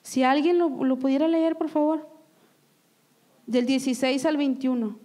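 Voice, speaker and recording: High-voiced woman giving testimony. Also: steady tone, moderate pace, dark tone. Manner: earnest, often asks the church for agreement. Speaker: church member giving testimony. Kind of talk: testimony sermon. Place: church service.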